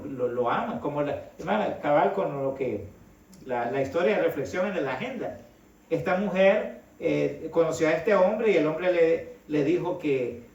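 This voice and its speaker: Preacher in an echoey hall. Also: male voice, sits high, recorded from a distance, highs cut off. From El Salvador. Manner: conversational preaching, addresses listeners as brother, rising emphasis. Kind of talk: sermon. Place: church hall.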